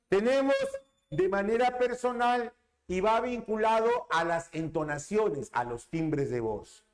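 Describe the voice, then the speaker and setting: A man teaching a language lesson, repeating key terms and checking understanding with rhetorical questions. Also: high voice. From Peru. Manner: drawn-out emphatic stresses on terms. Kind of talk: classroom lecture on linguistics.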